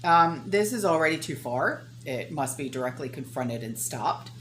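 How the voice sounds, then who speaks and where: A woman's voice: sits low, lively intonation, moderate pace, a little hiss or hum. A woman vlogging casually to her viewers, talking in a blunt, emphatic, folksy and sweary way. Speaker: vlogger addressing channel viewers. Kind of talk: casual opinionated vlog talk.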